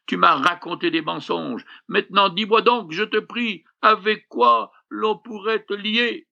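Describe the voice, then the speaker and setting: A man's voice: high voice, a little slow, gravelly, bright, forceful tone, dull audio, pitched above the performer's own voice, exaggerated voice. A man voicing an insistent, scheming woman who pleads and cries out in alarm, lifting his voice for her. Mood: pleading.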